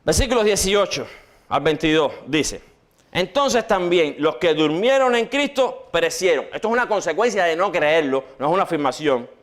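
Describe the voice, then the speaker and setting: A man preaching a sermon in church, swinging between loud rhetorical questions and hushed quotations. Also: on the high side, expressive, normal speed.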